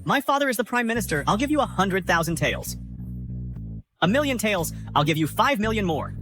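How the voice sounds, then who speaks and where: A man's voice: a little high, sing-song, normal speed, music in the background. A man playing a sneering noble villain. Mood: pleading. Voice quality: sneering, boastful, turns pleading. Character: arrogant young male noble, prime minister's son. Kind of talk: dubbed short drama.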